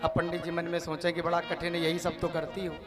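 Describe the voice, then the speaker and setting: High-voiced male preacher telling a story. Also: a little fast. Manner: lively storytelling, chanting verses. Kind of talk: devotional story sermon. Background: devotional music.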